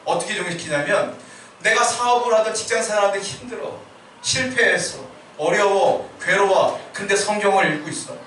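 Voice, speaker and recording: Male pastor, sermon, high voice, asks and answers his own questions, roomy echoey hall, mic set far off. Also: normal speed, a bit bright, slight background noise. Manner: asks the congregation questions and answers them himself. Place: church sanctuary.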